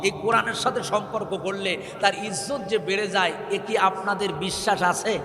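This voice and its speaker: A man preaching a waz sermon in rhymed, chanted lines that build to shouts, calling on the crowd to answer him. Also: high voice, normal speed, roomy sound, in a large hall.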